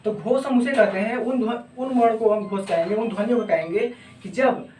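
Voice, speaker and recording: A woman's voice: on the high side, normal speed, distant mic, noisy background. A woman teaching a grammar lesson, asking herself questions and answering them, and sounding out vowel examples one by one. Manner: asks rhetorical questions and answers them, repeats tag questions. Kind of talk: exam-prep grammar lesson. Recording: roomy echo, voice off-mic.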